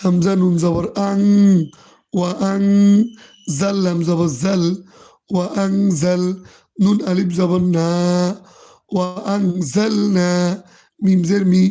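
A hoarse Quran teacher who drills the reading syllable by syllable and explains tajweed rules. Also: mid-range voice, little pitch movement, measured pace, mellow. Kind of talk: slow Quran reading lesson, spelling out letters and vowels.

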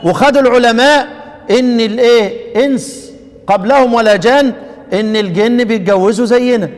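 A man with an Egyptian accent teaches in a quizzing way, tossing questions back at his class and repeating them. His voice sits high for a man. The sound carries a long reverb, like a large hall. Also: normal speed. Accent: Egyptian Arabic. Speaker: Quran recitation teacher. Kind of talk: classroom lesson on recitation poetry.

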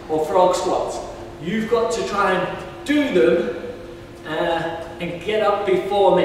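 A man's voice: high-pitched, very echoey, big-room sound, far from the mic, slight background noise, rough recording. A man leading a taekwondo workout for small children, playful, calling out counts and animal noises. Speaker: taekwondo instructor. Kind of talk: kids' workout class.

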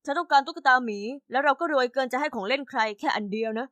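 A woman voicing a rich, boastful middle-aged adoptive father in an animated story. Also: sits high, very fast, no echo.

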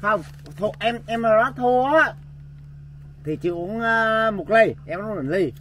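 A man's voice: high voice, a little slow, a bit bright, far from the mic, a little hiss or hum. A man arguing insistently over game rules in casual party chat at an outdoor campsite at night.

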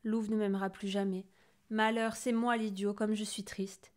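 A woman voicing a hot-tempered young male wolf in a storybook reading, quick to flare up and quick to be sorry. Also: on the high side, a little mellow, close to an everyday voice. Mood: sad. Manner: quick to anger, then sorry.

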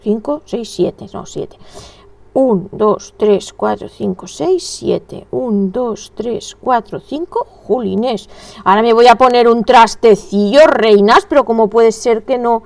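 A woman talks through a crochet lesson in a relaxed, chatty way, often murmuring her stitch counts to herself. Her voice sits a little high. It is recorded close to the mic, with a dry sound and no room echo. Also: slow, gravelly. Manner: chatty, thinks aloud, counts stitches under her breath. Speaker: crochet instructor. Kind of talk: casual crochet tutorial.

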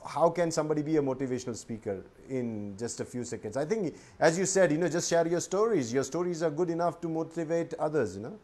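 Man, host, slightly high voice, joking asides, video call. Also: animated, quick pace, hardly any pauses, a little mellow. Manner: reads questions aloud, joking asides. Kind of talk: casual video-call interview, reading viewer questions. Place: indoor room with bookshelves.

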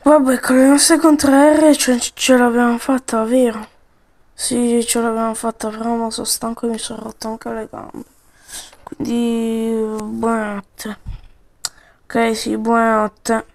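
A woman improvising playful, slangy role-play commentary over a video game, with sudden yells. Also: fairly high pitch, flat delivery, unhurried, gravelly.

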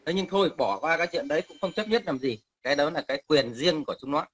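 A man's voice: on the high side, animated, quick pace. A male caller ranting angrily and coarsely, often stammering and repeating words. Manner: angry, coarse, repetitive stammering. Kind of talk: heated call-in rant.

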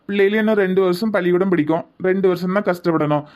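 A woman's voice: on the low side, quick pace, a little mellow, close to an everyday voice. A woman voicing an exasperated middle-aged village husband in a cartoon comedy, brusque and weary.

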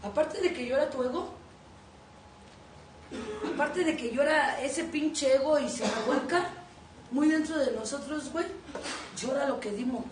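A woman's voice: sits high, unhurried, long pauses. Blunt, profane Mexican woman sponsor. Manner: blunt and profane, swings into shouting. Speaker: group sponsor. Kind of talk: recovery group testimony. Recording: echoey room, distant mic, faint noise.

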